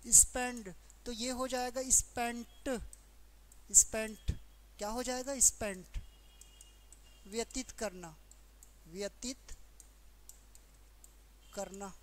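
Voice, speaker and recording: A woman's voice: fairly high pitch, steady tone, a little hiss or hum. A woman teacher with a Hindi accent explaining English verb forms in a grammar lesson, asking questions and repeating each answer. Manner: slow, repetitive explaining with questions to students. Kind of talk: exam-prep grammar lesson.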